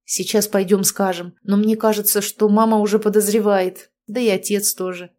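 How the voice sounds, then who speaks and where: A woman voicing an earnest young man who speaks calmly and formally in a storybook reading. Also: medium pitch, moderate pace, natural voice.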